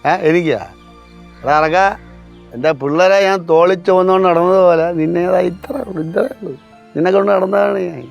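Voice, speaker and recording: Tipsy stubborn dad, gravelly voice, sweet-talking his kid. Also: sits high, fairly quick, highs cut off, soft background music. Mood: defiant. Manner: coaxing, doting, with baby talk. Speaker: father. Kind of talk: sitcom acting.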